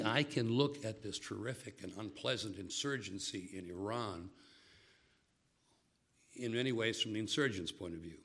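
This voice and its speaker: Older man, gravelly, lowish pitch, measured lecture with asides. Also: fairly bright tone. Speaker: speaker.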